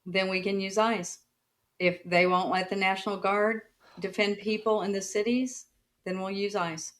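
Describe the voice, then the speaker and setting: A woman's voice: medium pitch, steady tone, moderate pace, fairly bright tone. A woman chatting as a guest over a remote call, giving firm, short answers, her audio glitching and warbling on a windy day. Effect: glitchy, warbling video-call audio. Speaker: host's mother, call-in guest. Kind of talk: casual political chat.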